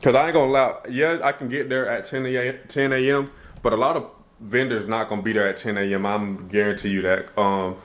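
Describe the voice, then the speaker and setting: A young man vlogging casually to his phone camera, rambling loosely with slangy speech and thinking out loud as he corrects himself. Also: fairly low pitch, steady tone, a little fast. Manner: laid-back slangy speech. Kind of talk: casual vlog talk to camera. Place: at home, then in a car before dawn.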